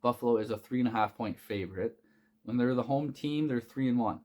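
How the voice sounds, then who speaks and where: A man's voice: mid-range voice, brisk, dark tone. A man casually talking through his college basketball betting picks, rambling and swearing, with many fillers and restarts. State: hiccuping. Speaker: sports betting picks host. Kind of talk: casual unscripted sports betting talk.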